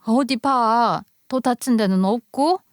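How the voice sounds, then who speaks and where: A woman's voice: fairly high pitch, takes it slowly, no room sound, studio quality, pitched above the performer's own voice. A woman voicing an anxious working mother fussing over her hurt child. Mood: worried.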